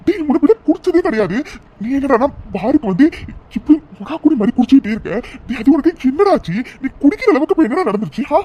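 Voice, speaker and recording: Cartoon: man voicing a bewildered young male best friend; high, fretful, exasperated. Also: big pitch swings, quick pace, lo-fi sound. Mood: worried. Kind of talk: cartoon voice acting.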